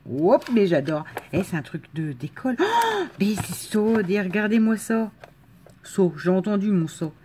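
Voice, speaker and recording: A woman's voice: mid-range voice, sing-song, normal speed, dark tone, slight background noise. A woman from the Marne with a slight northern French accent, chatting casually and enthusiastically as she unboxes crafts, with frequent fillers and laughs. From Marne, France. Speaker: crafting vlogger.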